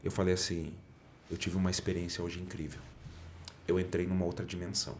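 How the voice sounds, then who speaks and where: A middle-aged man with a very low, deep voice tells an earnest testimony as a podcast guest. He acts out the lines he quotes as he speaks. A faint hum of room ambience sits behind him. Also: level tone, brisk, a little mellow. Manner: earnest storyteller, often acts out quoted dialogue. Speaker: pastor and guest.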